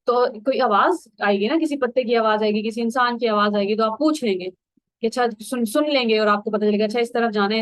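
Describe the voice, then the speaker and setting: A woman explains verses in a Quran commentary lesson, earnest and conversational, dropping English words into her talk. Her voice sits on the higher side. The recording is close and dry. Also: dry recording, low-quality recording. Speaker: Quran teacher.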